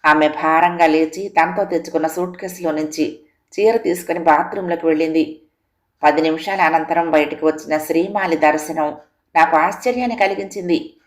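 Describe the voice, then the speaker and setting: A woman storyteller reads a literary tale aloud, steady and composed. Her voice sits somewhat low for a woman, and her delivery is measured and even. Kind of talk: scripted audio story narration.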